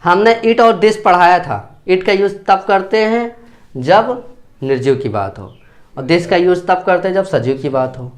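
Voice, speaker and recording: A man's voice: high voice, a little slow. A male English teacher, giving a classroom grammar lesson and checking understanding again and again. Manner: repeats points and checks understanding often.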